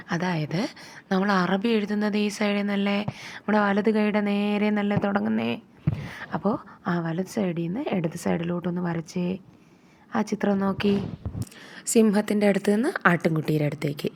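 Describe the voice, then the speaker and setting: A woman with a Malayali accent teaching a first-grade lesson to young children, talking slowly in a sing-song storytelling way. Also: mid-range voice, gravelly.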